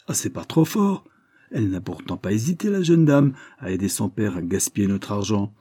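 A man voicing a coarse, greedy creditor who rants and shouts accusations. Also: on the low side, a little fast, close to an everyday voice. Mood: furious. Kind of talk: audiobook character voice.

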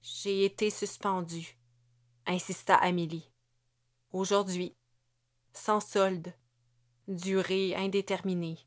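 A woman's voice: medium pitch, little pitch movement, takes it slowly, long pauses, close to an everyday voice. A woman voicing a terse woman just fired. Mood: flat, shaken. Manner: clipped, terse sentences. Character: blunt, shaken woman just fired from her job. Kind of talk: audiobook character voice.

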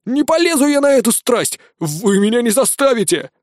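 A man voicing a cowardly male van driver who protests in shrill, whining panic in an audiobook. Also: sing-song, moderate pace, no echo. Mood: panicked.

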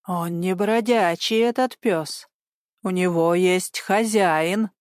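A woman voicing a stubborn, bossy elderly woman activist who talks insistently and turns shrill when she pushes. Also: lively intonation, unhurried, no room sound, studio quality. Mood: quiet, sulky.

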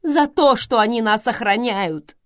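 Brief: woman doing shrill, tearful vampire lady for an audiobook, high, dry close mic. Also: measured pace, no echo. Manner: shrill, loud, near tears. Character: hysterical tearful female vampire.

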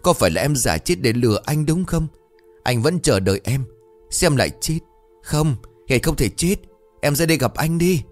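A man's voice: expressive, moderate pace, soft background music, close to an everyday voice. A man doing a wailing lovesick village man. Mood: wailing grief. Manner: wailing, pleading, high-pitched.

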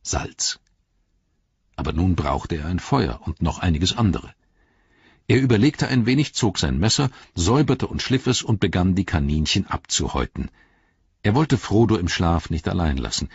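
A man narrating an audiobook in a measured storytelling manner. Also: deep voice, sing-song, breathy edge, dry recording, lo-fi sound. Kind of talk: audiobook reading.

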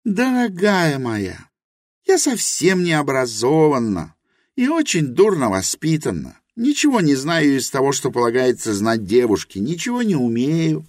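A proud and passionate young woman, put on by a man in an audiobook reading, pitched far above his own low voice. She speaks slowly and earnestly, the pitch swooping widely from line to line. The sound is close and dry. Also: sing-song, no echo, exaggerated voice.

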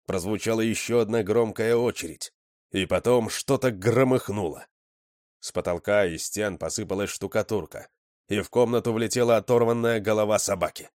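A man narrating an audiobook in an expressive storytelling manner. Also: fairly low pitch, dry recording, studio quality.

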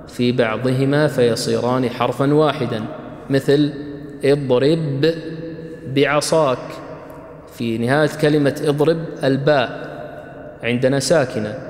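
A man teaches a recitation class at a patient, deliberate pace. He keeps repeating each rule and checks in with his listeners. His voice rings with a long echo through a large hall. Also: medium pitch, a little mellow. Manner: slow, repeats points, asks the class "what?" and "clear?". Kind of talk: classroom lesson explaining a tajweed poem. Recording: echoey hall.

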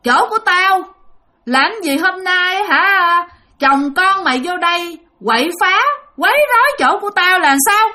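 A woman's voice: lively intonation, a little slow, bright, forceful tone, full character voice. A woman voicing a hungry, menacing female ghost who has possessed a man in a spoken ghost story. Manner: threatening, demanding, shrill.

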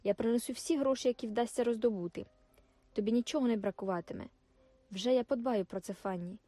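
A woman's voice: fairly high pitch, quick pace, mellow, no room sound, lightly acted. A woman reading as a brusque young soldier husband. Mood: hurried. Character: brash dismissive young male soldier husband.

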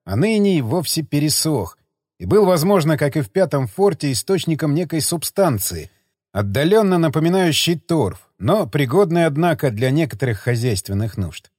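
A man narrating an adventure audiobook with a slightly high voice. His reading rises and falls a great deal. The sound is close and completely dry. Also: moderate pace, dry recording. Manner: expressive, dramatic reading.

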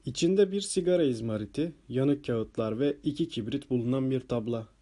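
A man reading a novel aloud as an audiobook narrator, calm and steady. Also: mid-range voice, brisk. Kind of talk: scripted narration.

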